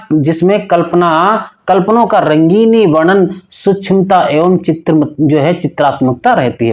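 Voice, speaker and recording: A man teaching an exam-prep lecture, repeating key terms and telling students to remember them, sometimes chanting verse slowly. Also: a little high, a little mellow, lo-fi sound. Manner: recites verse slowly in a sing-song chant.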